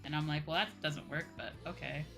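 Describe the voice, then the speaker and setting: A young woman game streamer chats casually with her viewers in an animated, playful, conversational way. Her deep voice is creaky and fairly quick, with music in the background.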